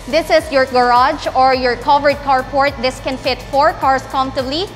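A young Filipina gives an upbeat, salesy real estate tour of a large empty townhouse, walking room to room and addressing her viewers. Her high voice is steady and at normal speed, with faint music behind and a roomy echo from the bare rooms.

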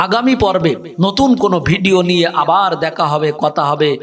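A man teaching a prayer by spelling out Arabic syllables one by one and then reciting them slowly. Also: sits high, lively intonation, faint music behind. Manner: drawn-out chanted recitation. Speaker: religious teacher. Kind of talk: slow letter-by-letter Arabic recitation lesson.

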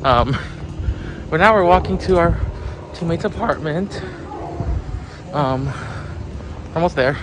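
A man's voice: fairly high pitch, slow, long pauses, over music, rough recording. A young man vlogging casually on a phone while walking and driving, chatty and laughing often. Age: young adult. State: out of breath. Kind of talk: casual vlog chat. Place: outdoors in a city, walking and in a car. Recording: outdoor street noise.

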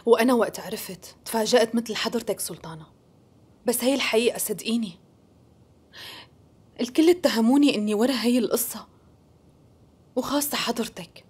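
A smooth, scheming sultan's wife. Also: female voice, a little high, brisk, long pauses, a little mellow. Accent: Syrian Arabic. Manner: coaxing, polite, pointed. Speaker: dub actress. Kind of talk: dubbed TV period drama.

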